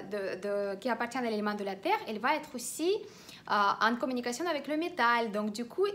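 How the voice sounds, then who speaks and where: Lady explaining feng shui, slightly high voice, lots of euh and restarts. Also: fairly bright tone, slight background noise. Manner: hesitant, many filler sounds and restarts; instructive, repeats directives. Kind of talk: explanatory online teaching.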